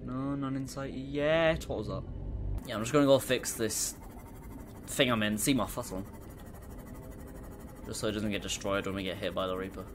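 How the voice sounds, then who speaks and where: A man's voice: fairly low pitch, moderate pace, long pauses, background noise. A young man with a Teesside accent commentating a VR game, nervous and jumpy, swearing and yelping when startled. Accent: Teesside English. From Middlesbrough, England. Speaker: gaming YouTuber. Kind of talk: VR gameplay commentary. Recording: game music clearly behind the voice. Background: game music.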